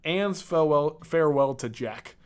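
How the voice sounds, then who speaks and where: A young man with a slightly high voice tells history stories on a podcast. He talks in a relaxed, chatty way, stumbling and restarting as he reads. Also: moderate pace, clean tone. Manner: storytelling, chatty, with restarts and laughs. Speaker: podcast co-host. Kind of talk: casual history chat.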